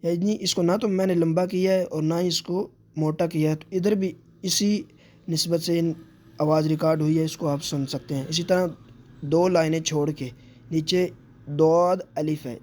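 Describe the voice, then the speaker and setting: A man teaching Quran recitation step by step, patiently explaining and drawing out letter sounds slowly. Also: fairly high pitch, fairly even intonation, a little mellow.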